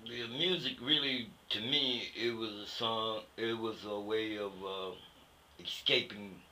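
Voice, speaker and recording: At a measured pace and in a steady, low-ish voice with a bright, forceful quality, an older American veteran of Vietnam reflects during an interview. His delivery is plain-spoken, opinionated and casual, full of "you know." The recording is rough, with faint background noise.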